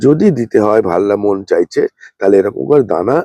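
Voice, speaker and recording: Man, gravelly, mellow tone, unwell, slow repetitive gardening demo. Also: lowish voice, expressive, dry recording. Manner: speaks slowly and plainly, repeating points. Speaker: rooftop gardening channel host. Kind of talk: hands-on gardening demonstration.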